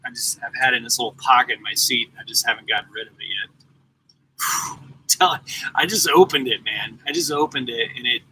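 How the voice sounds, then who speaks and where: A forty-something man talks to his live viewers in a loose, rambling way, his voice bright and forceful. He sits in a parked truck, recorded on a laptop mic with a faint hum of ambience behind him. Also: mid-range voice, normal speed, poor audio. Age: 40s. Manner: rambling, chatty, addresses viewers directly. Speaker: truck driver and YouTuber. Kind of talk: casual live-stream chat.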